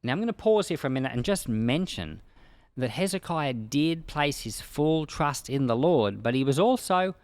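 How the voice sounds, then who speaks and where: This pastor and Bible podcast host reads a passage of scripture, then explains it plainly in an informal devotional style. His voice is medium-pitched and darkish, with lively intonation and a moderate pace, and there's no echo.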